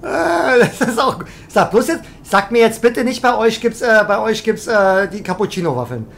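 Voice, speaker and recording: A woman's voice: on the high side, lively intonation, moderate pace, vocal fry, slight background noise. A woman streaming a truck driving game, chatting and teasing her viewers in a mock-indignant, rambling way. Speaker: gaming streamer. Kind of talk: live game commentary reading chat.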